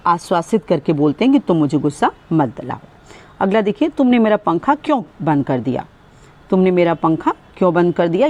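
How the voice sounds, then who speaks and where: Mellow-voiced woman teaching English slowly. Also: on the low side. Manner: says English sentences very slowly and clearly; explains in Hindi with fillers. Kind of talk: Hindi English lesson.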